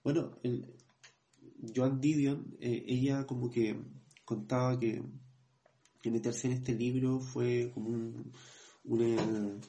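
Guy with a rough gravelly voice, kinda dark tone, reading a book out loud slow and steady. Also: mid-range voice. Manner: measured reading, hesitant when speaking freely. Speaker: podcast co-host. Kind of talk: reading a book aloud and commenting.

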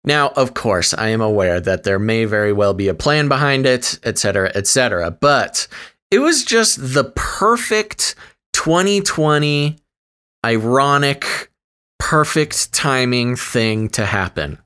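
A man's voice: medium pitch, expressive, a little slow, bright, forceful tone, clear, resonant tone. A man co-hosting a casual podcast, making wry, sardonic asides. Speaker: podcast co-host. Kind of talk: casual political chat.

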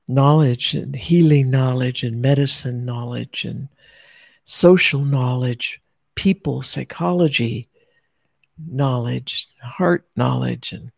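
Deep, gravelly woman speaking slowly. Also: dry recording, studio quality. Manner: slow, heartfelt, repeating phrases. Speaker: teacher sharing her experience. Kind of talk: reflective podcast talk.

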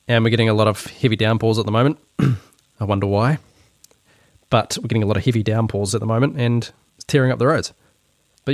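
A man's voice: on the low side, no echo, studio quality. A man with a New Zealand accent hosting a podcast, giving sarcastic, exasperated solo commentary. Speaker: podcast host.

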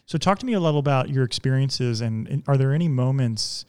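A man hosting a podcast: he reads a scripted intro, then interviews his guest in a measured, friendly way. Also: mid-range voice, animated, darkish tone, smooth, no echo, clean studio sound. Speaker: podcast host.

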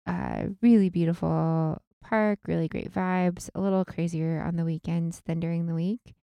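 A woman co-hosting a podcast, chatting casually about her week and often dropping into quiet asides. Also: lowish voice, fairly even intonation, moderate pace, vocal fry, clean tone, dry recording. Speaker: podcast co-host. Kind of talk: casual chat.

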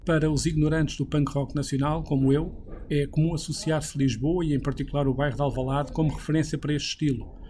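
A man hosting a podcast, reading a scripted narration in a measured way. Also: a little high, steady tone, warm tone, slight background noise. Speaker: podcast host.

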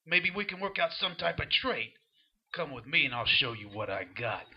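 An actor playing a small, lecherous demon shopkeeper with a gravelly voice and sarcastic wise-guy talk in a comic fantasy audio drama. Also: fairly high pitch, very animated, moderate pace, muffled recording, a little hiss or hum. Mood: leering, flirty. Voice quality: raspy, gravelly.

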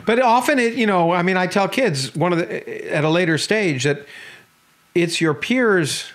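A man's voice: high-pitched, lively intonation, a bit bright. Man, middle-aged, podcast host, chatty, agreeable. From Canada. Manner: chatty, quick to agree and laugh along. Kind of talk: casual interview conversation.

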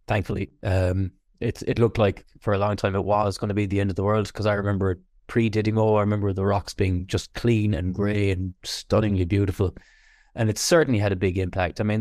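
A man with a west of Ireland accent chatting casually in an interview, halting and repeating words as he thinks. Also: sits low, darkish tone, no room sound, clean studio sound. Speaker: fly fishing guest.

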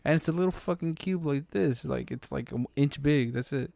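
A man's voice: a little high, moderate pace, vocal fry, a little mellow, dry recording. A man chatting casually in bro-ish slang with easy swearing, as on a podcast. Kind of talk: casual chat.

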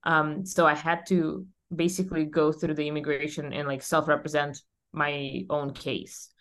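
Low-voiced woman from Russia. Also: moderate pace. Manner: energetic, emphatic, frequent fillers. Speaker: podcast guest, company founder. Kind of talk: conversational interview.

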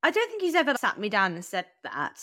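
A woman's voice: mid-range voice, huge pitch swings, fast, pushed and bright, dry recording, clean studio sound. A young adult woman, a guest runner in a casual podcast interview, chatty and full of "like" and "um". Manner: chatty, lots of "like" and "um", laughs easily.

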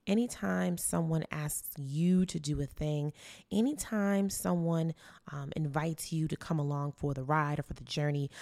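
Low-pitched American woman podcaster with gravelly edge. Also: darkish tone, no room sound, studio quality. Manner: earnest, affirming, preacher-like emphasis with repetition. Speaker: podcast host and preacher. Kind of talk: inspirational podcast talk, conversational.

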